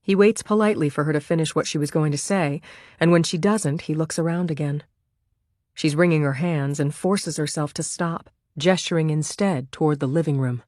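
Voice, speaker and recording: A woman reading a thriller audiobook as its narrator, in calm, measured scripted narration. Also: deep voice, no room sound, clean studio sound.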